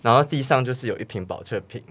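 A man with a Taiwanese Mandarin accent recalling a work story in casual chat, relaxed and quick to swear. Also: medium pitch, slightly rough. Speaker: bar staff and podcast co-host.

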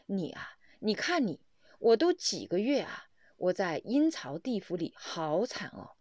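A young woman returned from death wails and protests, as a woman narrator puts her on. Her pitch swings widely from line to line. The sound is close and dry. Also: sing-song, a little slow, a little mellow, no echo. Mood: tearful. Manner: wailing, indignant. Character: young woman brought back from death, emotional.

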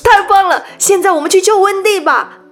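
A woman voicing a brave, eager young boy hero in a storybook reading, with soft music behind. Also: medium pitch, measured pace. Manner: bright, excited, calling out.

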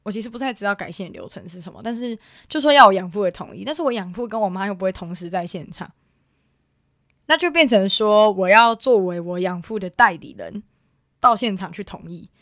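A woman's voice: mid-range voice, expressive, a little fast, fairly bright tone, dry recording, clean studio sound. A young woman from Taiwan telling a personal family story in casual chat, rambling with many fillers and restarts. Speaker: guest.

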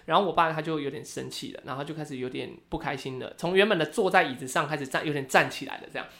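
Very fast-talking podcast host. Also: medium pitch. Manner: animated, laughing storyteller who acts out quoted family members in a raised voice. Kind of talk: casual storytelling chat.

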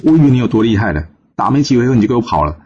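A man's voice: medium pitch, big pitch swings, rapid-fire, warm tone, dull audio, slight background noise, lightly acted. A man voicing a brash, hot-headed young male warrior who talks in a defiant, boastful way.

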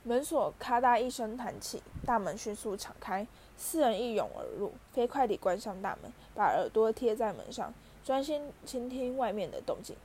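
A woman reading a storybook aloud as narrator, lively and voicing the characters. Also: on the high side, moderate pace, few pauses, slight background noise. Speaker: audiobook reader.

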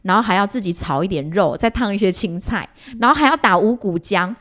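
This woman speaks at medium pitch, a little fast. A mother and podcast co-host, she recalls family moments in casual talk, lively and heavy on fillers and restarts.

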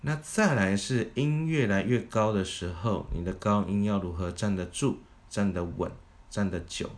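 A man's voice: lowish voice, moderate pace. A man teaching a singing lesson, explaining vocal technique methodically, step by step. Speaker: vocal coach.

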